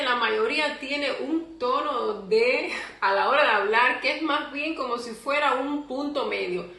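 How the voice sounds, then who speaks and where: High, bright Cuban woman vlogging. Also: reverberant. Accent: Cuban Spanish. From Cuba. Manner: chatty, animated, acts out little quoted scenes. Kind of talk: casual advice vlog.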